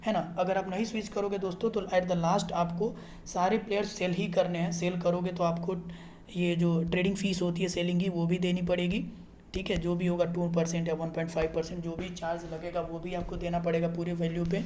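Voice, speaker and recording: A man's voice: sits high, level tone, a little fast, a little mellow, reverberant, a little hiss or hum. A man hosting a casual explainer video, talking the viewer through an app and often checking that they follow. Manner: chatty, keeps checking in with the viewer. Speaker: channel host explaining a trading app. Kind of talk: casual screen-recorded explainer.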